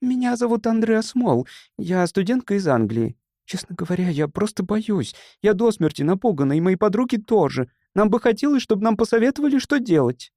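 A scared teenage girl, as a man puts her on in a storybook reading, her voice lifted high and held quiet. She sounds anxious and close to tears, with a dry, close sound. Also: very animated, brisk, few pauses, no echo. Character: frightened nineteen-year-old female student.

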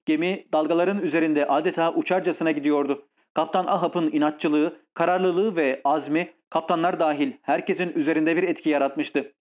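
Man narrating a story, slightly high voice. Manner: steady, measured storytelling. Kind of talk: scripted audiobook narration.

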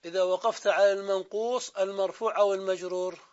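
A man with a Saudi accent teaching a grammar lesson, who asks his own questions, answers them, and drawls out the example words slowly. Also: high voice, steady tone, a little mellow, dull audio. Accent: Saudi Arabian.

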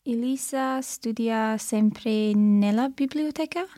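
Tentative woman student, slow and mellow. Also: on the high side, no echo, studio quality. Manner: careful, tentative answers. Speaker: language student. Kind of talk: language lesson.

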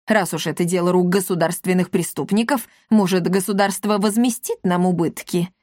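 A woman's voice: fairly low pitch, normal speed, a little mellow, dry recording, clean studio sound, close to an everyday voice. A woman reading a story aloud, voicing a pompous, touchy old man who is the village elder and whines and takes offence. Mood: grumbling. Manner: indignant, whining, aggrieved.

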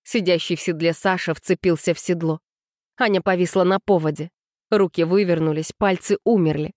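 A woman's voice: on the low side, fairly even intonation, normal speed, a little mellow, dry recording, studio quality. Woman narrating an audiobook.

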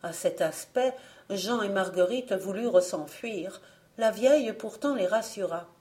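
A woman reading a fairy tale aloud as an audiobook narrator, slow and expressive. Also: mid-range voice. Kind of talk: storybook reading.

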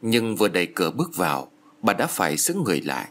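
A man's voice: sits low, huge pitch swings, quick pace, a bit bright. A man narrating a spooky audiobook with dramatic storytelling.

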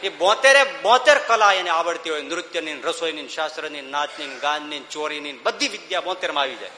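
A man's voice: fairly high pitch, lively intonation, fairly quick, sharp tone, echoey room, big-room sound, slight background noise. A man giving a devotional discourse, speaking emphatically with rhetorical questions and breaking into sung verses.

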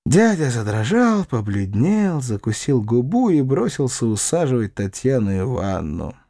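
Measured male audiobook narrator. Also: medium pitch, big pitch swings, warm tone, dry recording.

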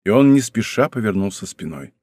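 A man's voice: lowish voice, expressive, a little fast, darkish tone, slightly rough, dry recording. Male audiobook narrator, dry studio sound. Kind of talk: scripted literary narration. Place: recording studio.

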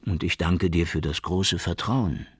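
A man's voice: low voice, measured pace, breathy edge, dry recording, clean studio sound, full character voice. A man voicing an enthusiastic, talkative Italian male journalist in an audiobook. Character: cheerful Italian male journalist, eager and warm.

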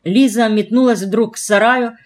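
A woman narrating a novel for an audiobook in an even, clear storytelling manner. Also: on the high side, normal speed.

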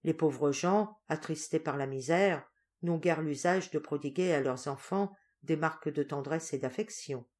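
Woman, audiobook narrator, storybook, lowish voice, expressive, steady. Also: a little slow. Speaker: audiobook reader. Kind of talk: scripted narration.

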